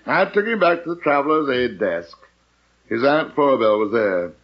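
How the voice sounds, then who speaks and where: An actor playing an exasperated, pompous husband with a theatrical, grumbling manner in an old radio comedy. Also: male voice, mid-range voice, big pitch swings, normal speed. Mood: wry, softening. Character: exasperated, pompous married man with a beard. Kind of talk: 1940s-50s radio comedy acting. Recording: dull vintage radio recording.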